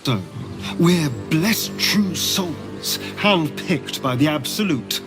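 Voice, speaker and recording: A man's voice: fairly high pitch, lively intonation, over music. Astarion, a sly, theatrical male vampire. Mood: amused, wry. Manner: arch, theatrical, sardonic, drawn-out phrasing. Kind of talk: dramatic video game character dialogue.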